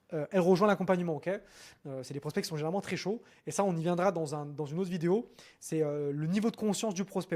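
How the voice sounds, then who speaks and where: A man's voice: on the high side, darkish tone. A man coaching on marketing funnels in a casual, filler-heavy way, often checking in with "ok?". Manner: fast, informal, many fillers and restarts, addresses viewer with "ok?". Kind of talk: screen-share marketing lesson.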